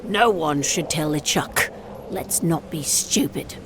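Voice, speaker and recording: A man voicing an anxious, grumbling pirate crew member in a video game, with a creaky voice. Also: a little high, takes it slowly, background noise. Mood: alarmed, wary.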